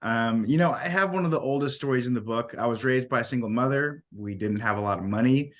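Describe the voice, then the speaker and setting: A sick, hoarse American man around thirty with a smoker's rasp, talking casually as an interview guest. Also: mid-range voice, fast talker, fairly bright tone. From small town in Washington, United States. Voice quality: raspy like a smoker, from being sick. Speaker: podcast guest.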